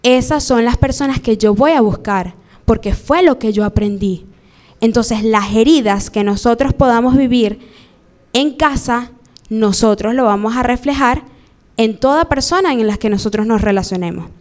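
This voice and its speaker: A young Venezuelan woman preaching a live sermon in a church, lively and acting out the voices she quotes. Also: on the high side, normal speed.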